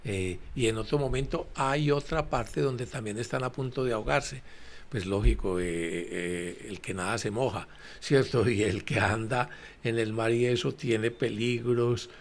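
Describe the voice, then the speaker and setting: A man presenting a Bible commentary in a relaxed, conversational way, explaining slowly with many fillers and repetitions and speaking straight to his listeners. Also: mid-range voice. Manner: addresses listeners directly.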